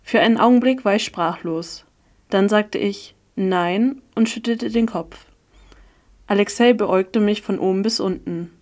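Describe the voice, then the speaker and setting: Woman, audiobook reader, first-person narration, calm, even delivery. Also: medium pitch, moderate pace.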